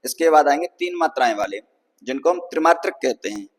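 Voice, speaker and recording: A man lectures on Sanskrit grammar in a slightly raised voice, pausing to ask whether listeners follow. He stretches vowel sounds to demonstrate length, and his voice rings with a long reverberant tail. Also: a little high, lively intonation. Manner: patient, repeats "ठीक है ना" to check understanding; draws out vowels to show their length. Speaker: Sanskrit teacher. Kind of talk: explanatory lecture.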